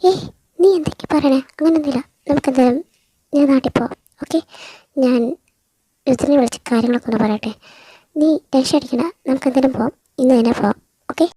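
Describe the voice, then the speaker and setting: A woman playing a brisk, reassuring young friend. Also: high-pitched, warm tone, husky, no room sound, poor audio. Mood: soothing. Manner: chiding, reassuring, colloquial. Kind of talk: audio story role-play.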